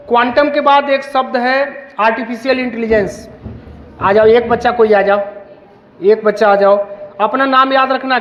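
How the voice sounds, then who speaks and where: A man with a high voice leads an interactive classroom session, calling students forward one at a time and cheering them on. The sound is dull and lo-fi, and it rings with a long, roomy reverb. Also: a bit bright. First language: Hindi. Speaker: police officer leading a school workshop. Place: school hall. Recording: echoey hall, dull lo-fi sound.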